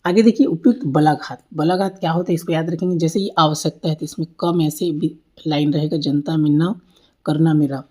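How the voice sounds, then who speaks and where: A woman's voice: low-pitched, fairly even intonation, fairly quick, dark tone. A woman teacher giving an exam-prep lecture over slides, often asking and then answering her own questions and repeating key points.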